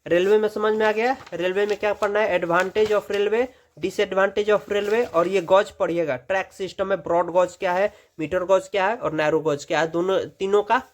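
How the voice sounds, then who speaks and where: A male teacher giving a brisk exam-prep lesson in Hindi, repeating short instructions as he goes page by page. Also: high-pitched, steady tone.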